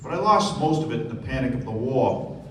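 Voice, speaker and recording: In a live radio play, an actor with a medium-pitched, animated, fairly bright voice plays a nervous, eager, genteel rich man of clipped politeness, sounding eager and boastful. He speaks briskly in a lightly acted style, and the stage recording is very echoey, distant and noisy.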